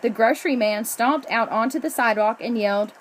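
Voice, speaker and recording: A woman reading a children's picture book aloud in an expressive storytelling way, drawing out the ends of phrases. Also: a little high, a little fast. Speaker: storybook reader.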